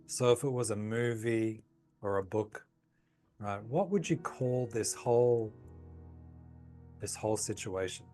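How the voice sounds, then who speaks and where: A man with a fairly low voice leads a guided tapping session. He speaks slowly and soothingly, with soft music playing faintly behind him. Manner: calm, slow, soothing guidance. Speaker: tapping practitioner.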